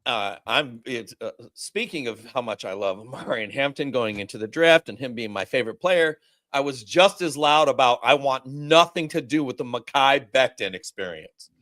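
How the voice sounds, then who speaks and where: Animated, profane male sports podcast host. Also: mid-range voice, normal speed, dry recording, studio quality. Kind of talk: casual sports chat.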